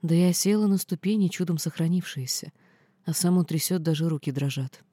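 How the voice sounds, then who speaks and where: Warm-voiced woman reading a folksy tale. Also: fairly low pitch, brisk, husky, dry recording. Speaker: audiobook narrator. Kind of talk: first-person storybook narration.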